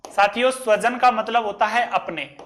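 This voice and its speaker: A man teaching a grammar lesson, reciting a verse slowly and then explaining it word by word. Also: very high voice, bright, forceful tone.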